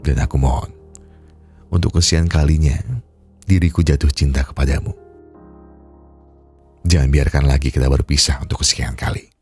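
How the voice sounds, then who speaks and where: A man's voice: extremely low pitch, fairly even intonation, moderate pace, pauses often, darkish tone, soft background music. A man reading the lines of a grateful young woman in love, his voice nasal and congested from a cold. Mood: tender.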